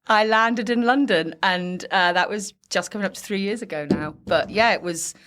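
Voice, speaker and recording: A woman's voice: medium pitch, normal speed, a bit bright. A woman guest in a casual interview, a chatty storyteller who laughs often. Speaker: guest, theatre executive.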